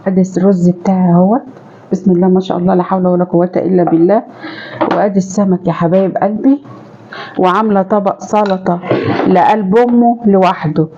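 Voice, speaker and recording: Cooking at home for her vlog, an Egyptian mother talks warmly and chattily to her audience, often turning to them with fondness. Her voice is low-ish, dark and mellow, with fairly even intonation and a quick pace. Her Egyptian Arabic accent comes through on a dull, lo-fi recording with slight background noise.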